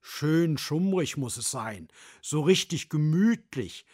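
A man voicing a cozy owl in a storybook fable, with a soft hooting tone. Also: fairly high pitch, expressive, takes it slowly, slightly rough, heavily acted. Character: cozy owl who loves dim light.

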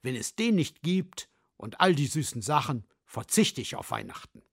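A man voicing a big bear with a sweet tooth in a storybook fable, in a low grumbling voice. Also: big pitch swings, moderate pace, a bit bright, husky, no echo, clean studio sound, full character voice. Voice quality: growly, grumbling.

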